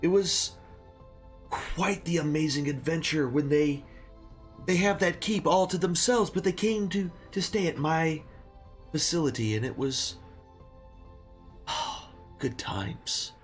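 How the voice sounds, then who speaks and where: Very old male innkeeper for a fantasy game, played by a game master: kindly, rambling, quaintly courteous, pitched a little high. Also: animated, a little slow, soft background music. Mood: grateful, nostalgic. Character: very old man, chatty, grateful, kindly innkeeper.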